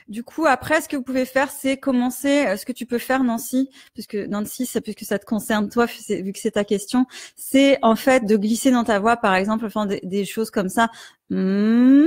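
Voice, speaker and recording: A woman teaching singing in a live stream, explaining resonance gently with many fillers and breaking into hummed and sung demonstrations. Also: a little high, no echo, studio quality. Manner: demonstrates hums, vowels and sung exercises. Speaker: vocal coach.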